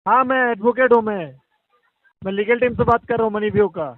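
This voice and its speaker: A man's voice: sits high, fairly even intonation, brisk, no echo. A man collection agent on a recorded phone call, insisting the customer speak politely. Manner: demands respect, insistent. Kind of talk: phone argument. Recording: tinny phone line.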